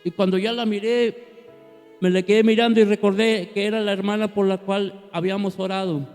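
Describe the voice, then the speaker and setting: A man, a pastor telling a testimony in an earnest, emphatic way that slows down for key declarations. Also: sits high, steady tone, a little mellow. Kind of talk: testimony sermon. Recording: reverberant hall with violin music behind.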